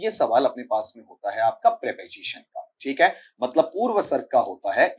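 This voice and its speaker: A man's voice: mid-range voice, husky. A man with a Rajasthani accent teaching English grammar for an exam, explaining step by step and quizzing his students. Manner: explains step by step, asks students questions, calls them "beta". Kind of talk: exam-prep lecture.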